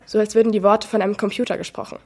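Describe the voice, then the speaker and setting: A teenage girl reading a first-person novel excerpt aloud, measured with slow pauses. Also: medium pitch, fairly even intonation, a little mellow. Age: teens. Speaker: student reader.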